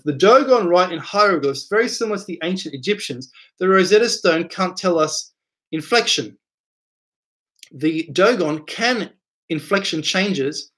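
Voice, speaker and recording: A man's voice: on the high side, a bit bright. Rambling man hosting a live Q&A. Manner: rambling, repeats words, many fillers. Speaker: livestream host answering viewer questions. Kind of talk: casual live Q&A, reading chat aloud.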